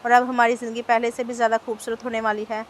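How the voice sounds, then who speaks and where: A woman reading the lines of a joyful, emotional young husband in a storybook novel, in a flat, even reading voice. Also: fairly high pitch, quick pace, slight background noise, close to an everyday voice.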